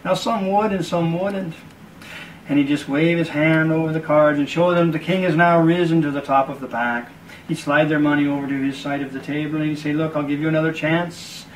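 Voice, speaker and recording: A magician telling a story as patter while doing a card trick, in a slow, deliberate storytelling manner. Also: male voice, fairly high pitch, fairly even intonation, distant mic, a little hiss or hum, rough recording.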